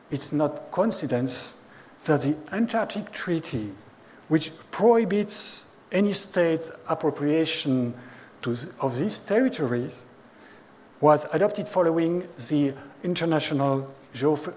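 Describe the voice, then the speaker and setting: Middle-aged french guy, slightly high voice, stops and restarts a lot mid-sentence. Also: a little mellow. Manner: halting, with restarts and slips. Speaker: ethics speaker. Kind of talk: prepared talk.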